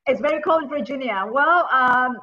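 A woman's voice: high-pitched, moderate pace, bright, forceful tone. A woman hosting an interview show, introducing her guest and asking questions in an effusive, encouraging way, addressing her as "my dear.". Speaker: talk show host. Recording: distant, dull lo-fi sound.

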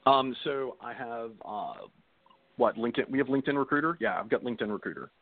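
Fast-talking man over a phone line. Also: mid-range voice. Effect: heard over a phone line. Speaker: recruiter guest. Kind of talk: casual call-in chat. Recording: tinny phone line, dry.

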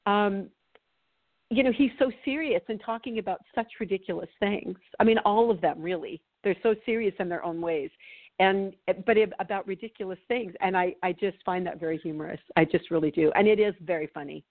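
A woman's voice: mid-range voice, brisk, phone-quality sound. A woman guest on a radio talk show, chatting casually and rambling with many fillers. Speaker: guest psychic. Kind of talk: casual chat.

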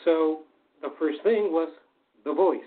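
A man's voice: on the high side, slow. Man in an interview on a tinny line. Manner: hesitant, many fillers and restarts. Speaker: former stage hypnotist, now hypnotherapist. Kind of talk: interview answers.

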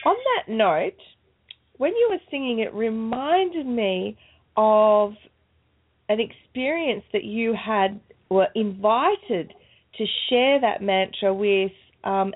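A woman's voice: medium pitch, slow. A woman radio host interviewing a guest in an effusive, easily laughing way. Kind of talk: conversational interview. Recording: tinny phone-line sound.

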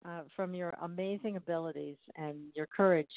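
A woman with a slightly low voice hosts a radio show conversationally. She is informal and effusive as she makes announcements. The recording is very dry and narrow, like a telephone connection. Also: fairly even intonation, brisk, no room sound. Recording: dry, narrow phone-like sound.

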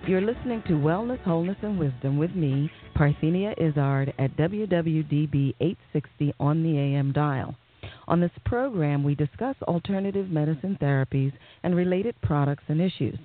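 A woman hosting a talk radio show, reading announcements and news in a measured, formal way. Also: low voice, expressive, soft background music. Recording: tinny phone-like narrow band.

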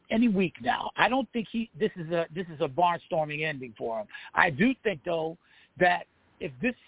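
A man hosting casual sports talk in an informal, buddy-like way, his voice hoarse and giving out. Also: on the high side. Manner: informal, addresses co-host as man and bro. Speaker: sports show host. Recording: tinny, phone-like line with room echo.

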